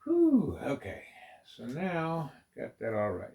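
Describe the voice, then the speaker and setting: A man's voice: medium pitch, wildly swooping pitch, slow pace, vocal fry, mellow, slight background noise. A man building a model on video, counting pieces under his breath and playfully scolding them as rascals. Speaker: video creator. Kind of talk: building vlog, talking to himself.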